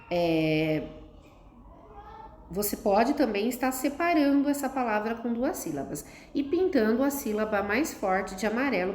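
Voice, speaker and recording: Patient woman teacher, lively sing-song voice. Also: medium pitch. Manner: patient, explains step by step, ends phrases with "tá?". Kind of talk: recorded classroom lesson for children. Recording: echoey room, faint noise.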